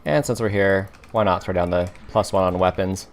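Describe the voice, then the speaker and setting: A man giving relaxed gameplay commentary, talking to himself and explaining each move as he plays. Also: low-pitched, moderate pace. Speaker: gaming commentator.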